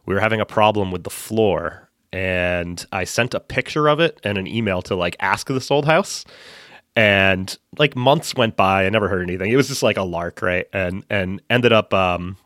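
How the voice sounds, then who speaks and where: A man from central Massachusetts, a podcast guest talking casually from his home basement, chatty and relaxed, with lots of fillers and restarts. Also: sits low, normal speed, no echo, clean studio sound. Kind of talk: casual interview chat.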